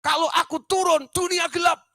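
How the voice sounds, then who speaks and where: A man voicing a loud, stubborn male psychiatric patient who shouts proudly in a very high voice, within a sermon. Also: little pitch movement, moderate pace, no room sound, clean studio sound, full character voice.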